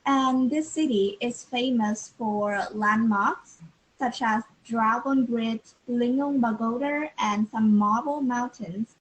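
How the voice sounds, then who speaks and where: A woman's voice: fairly high pitch, slow, husky, rough recording. A young adult woman student, speaking hesitantly in English practice. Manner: hesitant, careful.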